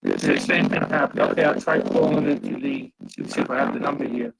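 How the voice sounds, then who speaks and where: A man's voice: mid-range voice, huge pitch swings, a little fast, gravelly, slight background noise, low-quality recording. Man on a garbled, breaking-up call. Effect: garbled, breaking-up video call audio. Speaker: planning board member. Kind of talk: public meeting remarks. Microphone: computer microphone on a video call.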